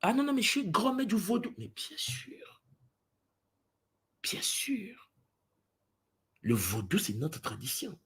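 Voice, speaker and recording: A man addressing spiritual followers, jumping between booming exclamations and low asides, often acting out other people's voices. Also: wildly swooping pitch, takes it slowly, pauses often, a bit bright, breathy edge. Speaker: spiritual teacher.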